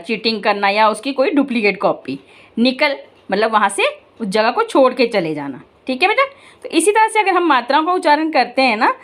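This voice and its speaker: A woman's voice: on the high side, a bit bright. A woman teaching young children in a classroom lesson, speaking to them directly and reading aloud word by word. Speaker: primary school Hindi teacher.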